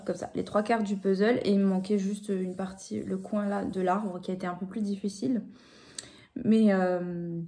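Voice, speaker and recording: A woman's voice: mid-range voice, mellow. A woman in her thirties chatting casually at home in a craft vlog, full of fillers and restarts as she shows her puzzles. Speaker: vlogger.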